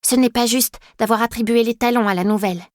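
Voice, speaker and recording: Brief: woman as sweet young girl, pleading, high. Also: steady tone, brisk, no echo, studio quality, lightly acted.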